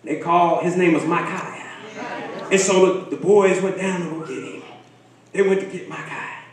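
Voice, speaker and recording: A man preaching in a church, telling folksy stories with laughter and rising shouts. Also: sits high, normal speed. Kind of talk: storytelling sermon. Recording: echoey hall from far, crowd.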